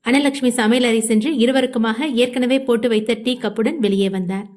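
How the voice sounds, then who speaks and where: A woman narrating a novel in an even, steady storytelling manner. Her voice sits a little high. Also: brisk. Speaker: audiobook narrator. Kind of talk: scripted narration.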